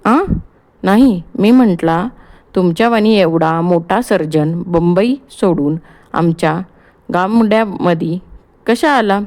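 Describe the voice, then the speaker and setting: A woman's voice: lowish voice, takes it slowly, darkish tone. A woman voicing a jovial, chatty older male surgeon with a Gujarati accent, mixing in English phrases, in an audiobook play reading.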